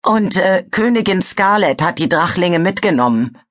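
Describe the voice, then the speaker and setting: A woman's voice: lowish voice, lively intonation, normal speed, voice pushed up. A woman voicing a nervous, stammering male dragon in a storybook reading. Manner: stammering, hesitant.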